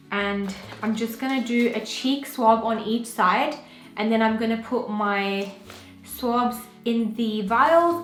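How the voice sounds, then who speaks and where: Talking casually to her camera, this young woman from Pakistan has a rather high, fairly bright voice. Her chatter is packed with "um" and "you know," recorded in an echoey room where faint music plays.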